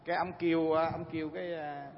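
A man giving an animated sermon with stories to a live audience, often asking rhetorical questions. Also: a little high, brisk. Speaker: Buddhist preacher. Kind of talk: sermon with storytelling. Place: hall before a live audience. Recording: reverberant hall, dull lo-fi sound.

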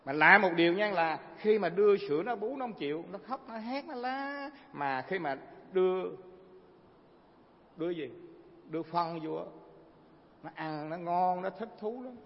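A man giving an animated sermon with stories to a live audience, often asking rhetorical questions. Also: sits high, unhurried, pauses often. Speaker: Buddhist preacher. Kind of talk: sermon with storytelling. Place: hall before a live audience. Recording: reverberant hall, dull lo-fi sound.

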